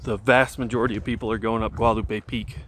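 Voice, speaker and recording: A man in his thirties with a lowish voice talks fast as he heads downhill on a mountain trail, filming himself with the camera held at arm's length. He chats casually, rambling in a relaxed way full of fillers and restarts, as a hiker vlogger. There's slight background noise.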